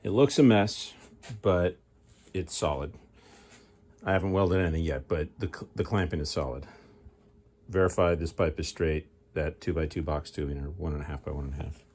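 A man's voice: very deep voice, moderate pace, darkish tone, husky. A middle-aged man in casual narration of his work in a garage, thinking aloud as he explains each step. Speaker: hobby car restorer. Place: garage workshop.

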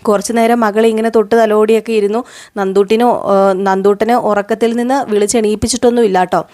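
A woman's voice: mid-range voice, darkish tone. A woman who hosts a recap channel, retelling an episode of a TV serial in a chatty way and talking straight to her viewers. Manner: storyteller, talks straight to viewers with asides.

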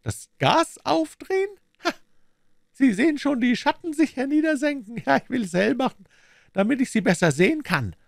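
A shrill, furious villain. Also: male voice, very animated, moderate pace, gravelly, dry recording, clean studio sound, heavily acted. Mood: sneering. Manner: furious, indignant. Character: vengeful shrill male villain.

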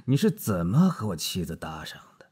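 A man's voice: sits low, wildly swooping pitch, normal speed, darkish tone, slightly rough, exaggerated voice. A man doing an icy, contemptuous doctor. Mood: cold. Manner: curt, clipped and icy. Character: cold, contemptuous middle-aged male doctor.

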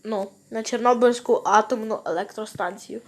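High-pitched woman, reaction commentary, hesitant, lots of fillers, speaks to viewers. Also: normal speed. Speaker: video reactor.

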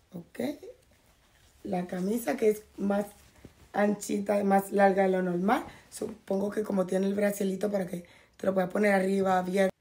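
A woman going hoarse, chatting casually to her viewers at home while unboxing and showing off clothes from a package. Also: medium pitch, mellow. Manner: chatty, talks straight to viewers. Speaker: fashion vlogger. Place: at home, in a bathrobe.

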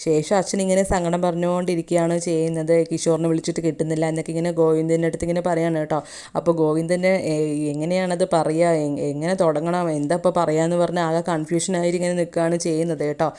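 A woman's voice: deep voice, fast, clear, resonant tone. A woman, hosting a review and retelling a TV serial episode, quoting dialogue as she goes. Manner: steady retelling with frequent quoted dialogue and tag phrases. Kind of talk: fast scripted-style recap narration.

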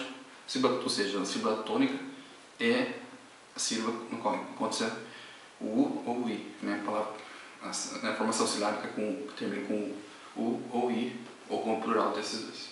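A man's voice: fairly low pitch, fairly bright tone. A young man from Brazil casually reviewing a hair product, rambling and correcting himself as he talks. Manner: rambling, self-correcting, chatty. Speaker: vlogger. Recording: very echoey room, distant mic, faint hiss.

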